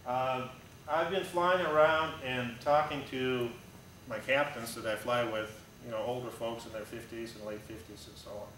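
At medium pitch and normal speed, a Russian-accented man in his thirties, working as an airline pilot, delivers an informal slide presentation in a blunt, conversational way full of "uh"s and restarts, standing and gesturing. The recording is from a camera at the back of a big, echoey hangar-like room, giving a distant sound and a steady hum.

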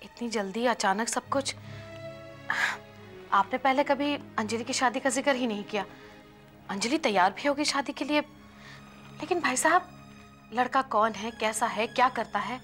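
Actress doing a fretful aunt, fairly high, probing, music under. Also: female voice, normal speed, long pauses, a bit bright, lightly acted. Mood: worried. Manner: anxious, pressing questions. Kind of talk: TV serial acting.

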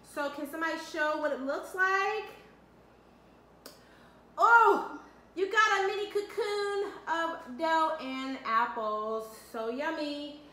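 A woman in her thirties, a mother, runs a home cooking demonstration with her kids, upbeat as she coaches them step by step. Her voice is high-pitched, expressive, pushed and bright, and she talks at a slow pace. A camera mic a few feet away picks her up in an echoey kitchen with faint background noise.

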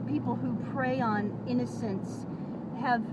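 Persistent high-voiced woman filming on her phone. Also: steady tone, takes it slowly, heavy background noise. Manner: polite but persistent, pressing for clear answers. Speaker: towing victim filming her ordeal. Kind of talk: handheld phone vlog and phone call. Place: outdoors in a parking lot by a car. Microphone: phone camera held in hand.

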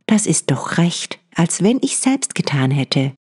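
A woman voicing a cheerful, endlessly approving farm wife in a storybook reading, with a husky voice and eager, praising talk. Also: lowish voice, sing-song, a little slow, darkish tone, pitched above the performer's own voice, exaggerated voice. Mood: delighted.

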